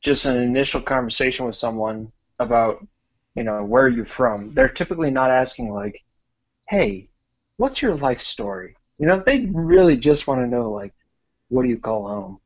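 A man of middling pitch speaks as a podcast guest in an easygoing, dryly humorous way. His audio sounds dull and slightly lo-fi, like a remote connection. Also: normal speed. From born in Cameroon, raised in several countries. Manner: relaxed, wry and self-deprecating. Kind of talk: casual conversational interview.

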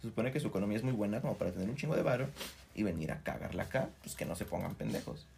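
A man's voice: on the low side, expressive, racing, gravelly, darkish tone, a little hiss or hum. A man with a Mexican accent telling comic stories in casual, profane chat, peppering every phrase with slang fillers. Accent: Mexican Spanish. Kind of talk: casual comedic storytelling.

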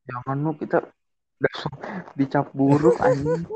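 A young man teases his friend in casual chat. His voice is slightly high, lively in pitch and mellow in tone. The recording sounds dull and lo-fi. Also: a little slow, a little hiss or hum. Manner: teasing, swears often, laughs.

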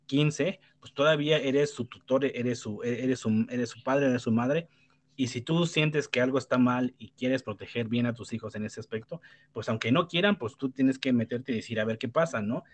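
Blunt Mexican man rambling in a chat. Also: medium pitch. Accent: Mexican Spanish. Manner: rambling, many restarts and tag questions; blunt, swears freely. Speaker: panelist. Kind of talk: casual debate chat.

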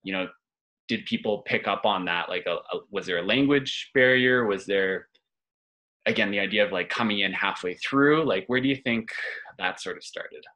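A man's voice: on the low side, moderate pace, bright, forceful tone, poor audio. A man hosting a podcast, asking friendly, rambling questions full of "you know" and "like". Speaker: podcast host. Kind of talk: casual interview chat.

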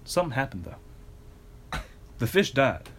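A man reading a ridiculous fan fiction story aloud in a casual, deadpan way, now and then breaking into laughter. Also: mid-range voice, slow, slight background noise.

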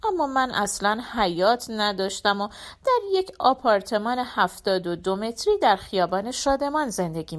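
A woman narrating a first-person short story in a reflective, expressive reading style. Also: mid-range voice. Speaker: audiobook narrator.

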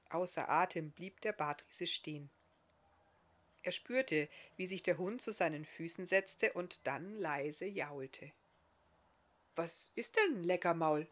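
A woman, the author, reading her fairy-tale novel aloud in a calm, expressive storytelling manner. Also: on the low side.

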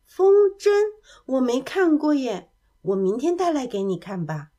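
A shy, sniffly little cloud girl from a children's storybook, put on by a woman narrator. Her small voice sits high and swoops in lively curves, timid and close to tears. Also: unhurried, heavily acted.

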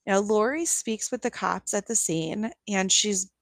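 A woman's voice: medium pitch, a little slow, no echo. A young adult woman co-hosting a podcast, telling a true-crime story casually with lots of fillers and incredulous asides. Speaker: podcast co-host.

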